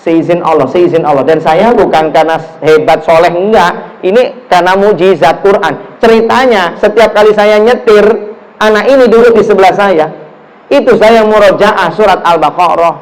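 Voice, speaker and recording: A middle-aged man from Java with a Javanese accent, giving a lively sermon in a mosque, telling stories and acting out the people in them. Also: high-pitched, normal speed, low-quality recording. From Java, Indonesia. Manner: animated storytelling, acts out dialogue, mixes in Javanese phrases. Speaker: preacher.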